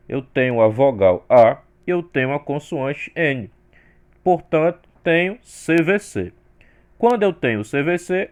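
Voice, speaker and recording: Lively Brazilian man teaching English grammar. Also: on the high side. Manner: explains step by step, says sample words louder. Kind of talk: grammar lesson.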